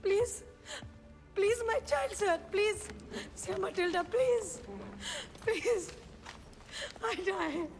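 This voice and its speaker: A woman's voice: very high-pitched, animated, unhurried, pauses often. An actress playing a desperate mother with a Bengali accent, begging a court for her children in broken English. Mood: pleading. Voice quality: broken English, pleading, breathless repetition. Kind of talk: film drama. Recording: reverberant film mix with music.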